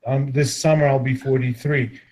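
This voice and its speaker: A man's voice: medium pitch, level tone, normal speed, darkish tone. A man in his forties, hosting a casual group voice chat in a blunt, teasing way with frequent restarts. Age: 40s.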